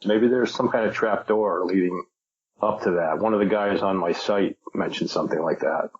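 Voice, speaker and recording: A man speaking as a podcast guest, in a low, husky voice. He speculates tentatively and often stops to restart his thoughts, and the audio sounds dull and lo-fi. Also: moderate pace. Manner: tentative, speculative, many hesitations. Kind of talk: casual podcast interview.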